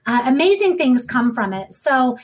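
Enthusiastic high-voiced woman host. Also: very animated, normal speed, slightly rough, rough recording. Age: 30s. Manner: enthusiastic and warm, with frequent ums. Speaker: podcast host. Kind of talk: casual podcast talk.

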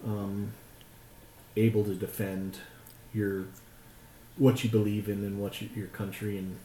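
Heard in a casual podcast chat, a middle-aged man from rural Utah, USA, talks at a measured pace in a lowish, mellow voice with little pitch movement. He hesitates as he selects his words. There's a roomy echo and clear background noise in the recording.

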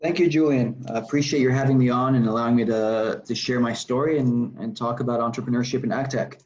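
A man from Texas, a startup founder, walks through his story in a loose, conversational way, full of fillers and restarts. The recording sounds dull and lo-fi, as if the high end has been shaved off. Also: steady tone, fast, darkish tone, a little hiss or hum. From Texas, United States. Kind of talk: conversational interview answers.

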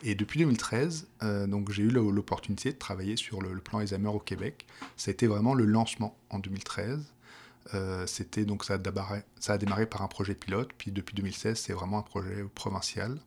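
A provincial health plan's project manager, a middle-aged man from France, talks about his job in an interview. His Parisian-accented voice sits on the low side, a little mellow and breathy, and moves a bit fast, while his speech is hesitant with frequent restarts.

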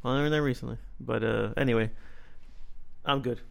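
A man co-hosting a casual podcast, enthusiastic and quick to agree, with many you-knows. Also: mid-range voice, fairly even intonation, vocal fry, a crowd in the background. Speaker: podcast co-host.

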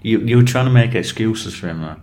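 A man co-hosting a podcast in casual chat, with deadpan, playfully obtuse jokes. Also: lowish voice, a little fast, a little hiss or hum. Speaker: podcast co-host.

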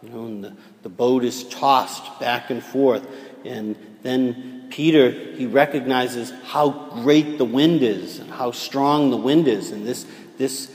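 A man preaching as a priest, reading the gospel and giving a homily in a slow, measured way with casual fillers, heard with cathedral echo. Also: medium pitch, darkish tone. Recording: cathedral echo with long reverb.

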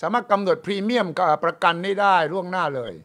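A man's voice: high-pitched, quick pace, fairly bright tone. A man hosting a talk show who asks brief prompting questions and murmurs agreement constantly while his guest talks. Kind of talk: casual interview questions.

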